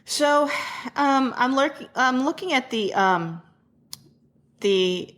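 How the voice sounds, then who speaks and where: A woman co-hosting a podcast in relaxed conversation. She takes a dry, practical tone and chuckles easily between her points. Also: high-pitched, slow. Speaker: podcast co-host. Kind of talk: casual chat.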